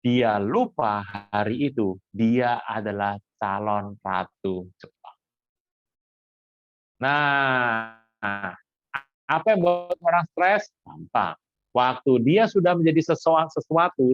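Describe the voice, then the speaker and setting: A man's voice: medium pitch, expressive, takes it slowly, highs cut off. A man preaching a sermon in a conversational way, often putting questions to the congregation and exclaiming. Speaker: pastor.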